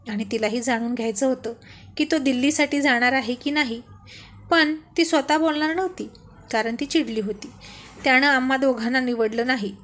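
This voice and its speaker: A woman storyteller narrating a serial love story in an expressive, chatty manner. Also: high voice.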